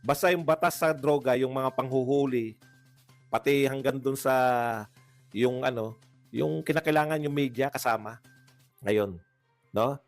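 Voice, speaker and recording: A Filipino man in a casual political reaction chat, speaking at an ordinary middle pitch with faint music underneath. He talks in a loose, chatty way, breaks into laughter often and slips into mocking impressions. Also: measured pace, long pauses. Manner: chatty, laughs often, mocks with put-on quotes. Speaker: political commentary co-host.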